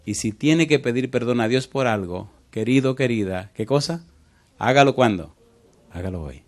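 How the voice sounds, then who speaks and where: A man preaching a sermon and telling a story from the pulpit. He moves from hushed, tender passages to sudden loud cries. He often turns to the congregation with direct questions. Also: mid-range voice, expressive, normal speed. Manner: storytelling preacher, swings from soft to loud exclamations. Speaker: pastor.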